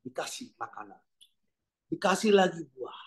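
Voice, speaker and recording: A man's voice: a little high, lively intonation, moderate pace, a little mellow, slightly rough, rough recording. A man preaching an evangelistic sermon over a video call, telling a story and closing in prayer, repeatedly addressing listeners as brothers and sisters.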